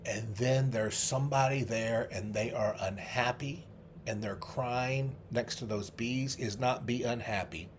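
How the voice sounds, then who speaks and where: A middle-aged man, a memory trainer, leading a guided memory exercise, coaching the listener through vivid images with slow, drawn-out repetition. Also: medium pitch, a little hiss or hum. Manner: slow, drawn-out repetition with sudden loud "ta-da" bursts; vivid, coaxing visualization instructions.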